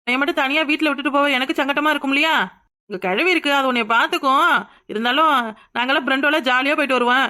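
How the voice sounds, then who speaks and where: A woman's voice in a cartoon, slightly high and quick. She coaxes and consoles someone in a gentle, caring way. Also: steady tone. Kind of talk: cartoon voice acting.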